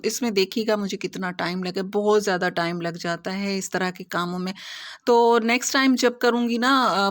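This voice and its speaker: A woman's voice: mid-range voice, no echo. A middle-aged woman, chatting casually to viewers in a home vlog while she cooks and tidies. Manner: chatty, homely, talks to viewers while working. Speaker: home vlogger.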